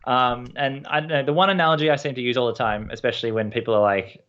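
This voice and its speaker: A man, a guest in a casual chat, relaxed and prone to repeating himself. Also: mid-range voice, fast, smooth, dull audio.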